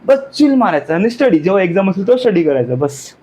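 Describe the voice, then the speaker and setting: A man's voice: high-pitched, very animated, quick pace, dark tone, slight background noise. A young man vlogging a casual family chat with his wife, chatty and teasing, often repeating his words. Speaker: vlogger husband.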